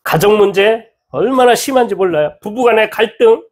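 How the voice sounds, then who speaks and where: A male pastor preaching a sermon in a church, animated and acting out the voices of people he quotes. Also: high-pitched, normal speed. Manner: animated, acts out quoted speech with lively swings in tone.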